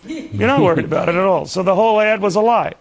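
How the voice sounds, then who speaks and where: Speaking fast in a high voice, this television news interview host keeps things conversational and broadcast-style. He frequently doubles back on himself and repeats words.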